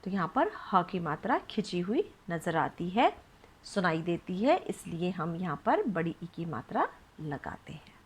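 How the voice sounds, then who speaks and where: A woman's voice: lowish voice, big pitch swings, unhurried, slightly rough. A woman teaching young children to read, spelling words out syllable by syllable with patient questions. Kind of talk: children's phonics lesson.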